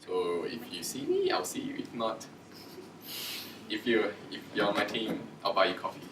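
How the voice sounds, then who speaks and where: A man's voice: lowish voice, huge pitch swings, moderate pace, background noise. Chatty man, echoey lecture room. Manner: chatty, acts out quoted dialogue in raised voices. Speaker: junior doctor giving a career talk. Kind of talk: casual presentation to students. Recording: echoey room, distant from mic.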